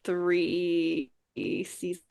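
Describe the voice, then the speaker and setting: A woman's voice: on the low side, animated, drawn-out words, gravelly, a little mellow, dry recording, studio quality. A woman co-hosting a podcast, talking loosely with many fillers and casual swearing. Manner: rambling, fills with like and um, swears casually. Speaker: podcast co-host. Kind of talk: casual chat.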